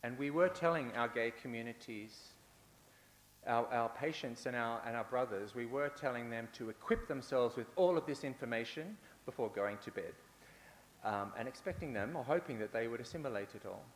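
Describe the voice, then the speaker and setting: At medium pitch and a moderate pace, this conference speaker drives his argument home by repeating phrases, now and then stumbling into a filler or starting over. He's in a large conference hall, captured with echo and light hiss.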